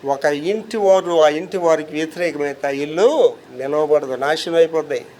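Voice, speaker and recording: A man's voice: on the high side, moderate pace, darkish tone, a little hiss or hum. A pastor from India preaching a sermon, emphatic and firing rhetorical questions at his listeners.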